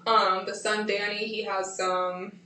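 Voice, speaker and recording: A woman co-hosting a podcast, explaining and recounting in a steady, casual way with occasional fillers. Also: medium pitch, measured pace. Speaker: podcast co-host. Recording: echoey room, distant from the mic, faint noise.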